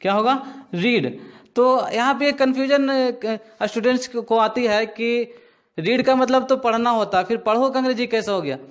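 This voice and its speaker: A male teacher with a strikingly high voice walks students through a grammar lesson, stopping often to check they follow. He asks a question and then repeats the answer himself. The sound is dull and lo-fi. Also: moderate pace.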